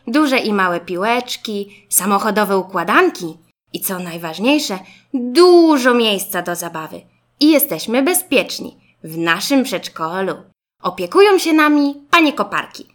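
A cheerful little boy car from a children's storybook, voiced by a woman reader, eager, upbeat and reassuring. The voice sits high and lively and is loud and bouncy. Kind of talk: storybook reading.

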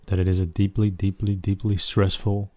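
Male sleep-story style relaxation guide: low, soft-edged, gentle, unhurried pauses. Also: flat delivery, no echo.

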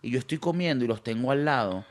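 A Venezuelan man telling a story in casual chat, slangy and animated, acting out the people he quotes. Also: mid-range voice, fast. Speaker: podcast co-host.

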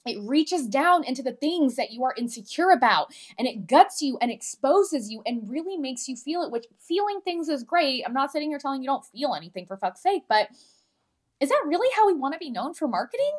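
A woman whose voice sits high and sing-song talks fairly quickly. She has a lisp and, as a podcast host and marketing coach, delivers candid solo podcast talk in a frank, emphatic, conversational manner, swearing freely.

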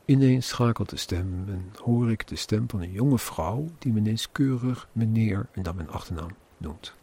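A man's voice: on the low side, gravelly, a little mellow, breathy edge. A man earnestly narrating his own experiences in a personal account, with an indignant edge.

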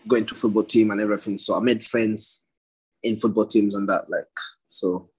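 Young male boxer guest from Somalia; husky, low-set voice, short easygoing answers. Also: steady tone, normal speed, darkish tone. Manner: short plain answers, laughs often. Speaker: interview guest, professional boxer. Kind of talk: casual interview answers.

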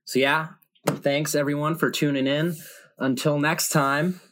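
A man's voice: fairly high pitch, little pitch movement, unhurried, fairly bright tone. A young man hosting a casual podcast chat, telling crude stories with a lot of laughter. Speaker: podcast host.

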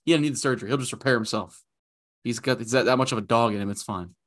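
A man's voice: mid-range voice, fast talker, fairly bright tone. A man co-hosting a casual sports podcast, talking in an emphatic, hyped, joking way. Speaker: podcast co-host.

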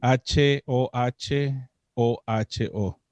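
A man hosting a podcast interview, joking and teasing his guest with quick banter. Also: mid-range voice, fairly even intonation, a little mellow, dry recording, highs cut off. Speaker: podcast host. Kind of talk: casual interview chat.

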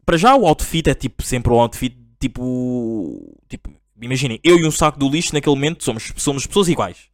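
Fast-talking slangy Portuguese young man. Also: no room sound, studio quality. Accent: European Portuguese. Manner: slangy, rambling, animated, mimics shouting parents in a high voice. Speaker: podcast host. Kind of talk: casual comedic monologue.

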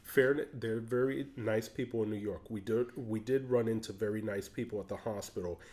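A man who is a podcast guest, telling his family's story in a casual, animated way and often repeating words as he gets worked up. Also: fairly low pitch, normal speed.

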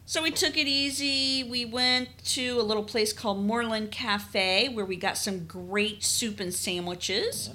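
A woman's voice: on the high side, measured pace, few pauses, pushed and bright, slight background noise. A woman co-hosting a casual travel podcast, leading the chat and retelling the day from her notes. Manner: chatty, leads the story from her notes. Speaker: podcast co-host.

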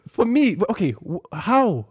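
A man's voice: high voice, very animated, moderate pace, slightly rough, no room sound, clean studio sound. A young man with a London roadman accent, chatting casually as a host in an emphatic, slangy, sweary way. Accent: London, urban roadman slang. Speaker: podcast host. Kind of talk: casual banter and opinion chat.

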